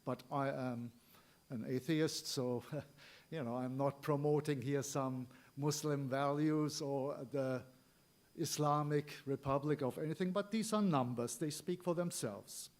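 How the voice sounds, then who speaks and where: A man from Turkey with a Turkish accent gives an informal political speech, halting at times and repeating key points for emphasis. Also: mid-range voice, a little mellow. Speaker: rally speaker.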